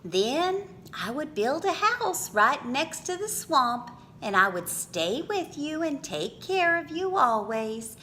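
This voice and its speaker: Female children's storyteller, bright and very animated, slow theatrical phrasing, some background rumble. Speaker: storyteller reading a picture book aloud for children. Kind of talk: expressive children's read-aloud.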